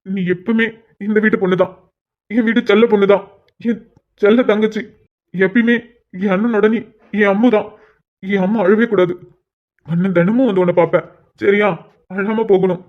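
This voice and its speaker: A man voicing a gentle, protective older brother who soothes his tearful sister in a cartoon. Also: sits high, fairly even intonation, moderate pace, pauses often, lo-fi sound, natural voice. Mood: soothing. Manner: soothing, reassuring. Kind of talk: Tamil cartoon voice acting.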